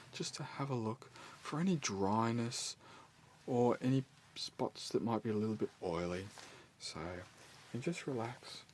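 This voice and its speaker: A man doing an ASMR role-play as a scalp examiner, speaking softly, soothingly and reassuringly with unhurried instructions. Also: medium pitch, a little hiss or hum. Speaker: ASMR performer playing a scalp-check examiner.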